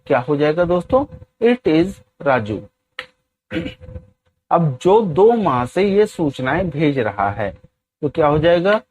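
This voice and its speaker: A man teaching an English grammar lesson, often asking his viewers questions and slowly dictating example sentences. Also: fairly high pitch, big pitch swings, darkish tone. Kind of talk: classroom-style grammar lesson.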